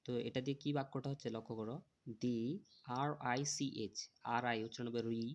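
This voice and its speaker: A man's voice: mid-range voice, fairly even intonation, fast, lo-fi sound. A man teaching English to children, spelling words letter by letter and translating each one.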